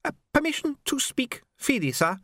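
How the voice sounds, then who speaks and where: A jittery young soldier blurts out bad news in a high, strained voice, as a man puts him on. He is deferential, keeps adding "sir", and sounds close to panic. The delivery is lively, and the recording is dry and close. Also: moderate pace, no echo, heavily acted. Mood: nervous, apologetic. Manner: anxious, stammering, deferential. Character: nervous young male sub-lieutenant messenger.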